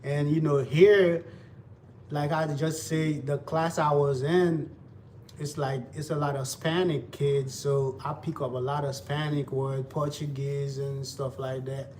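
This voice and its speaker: Cooking live for his viewers, a young man with a Haitian Creole accent talks in a loose, repetitive way. He has a fairly high, darkish voice with little pitch movement and a measured pace, recorded from a distance with faint background noise.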